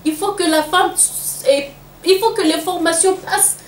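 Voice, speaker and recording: A woman's voice: very high-pitched, unhurried. A woman with a Malian French accent answering interview questions in an earnest, emphatic way, repeating phrases for weight. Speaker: interview guest. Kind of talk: interview answers on women in politics. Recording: echoey room with faint background noise.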